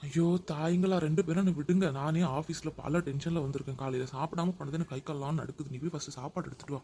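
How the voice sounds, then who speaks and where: A man's voice: fairly high pitch, fairly even intonation, fast, dark tone, slight background noise, close to an everyday voice. A man playing a harried young husband caught between his wife and his mother in a comedy sketch. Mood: exasperated. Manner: exasperated, pleading.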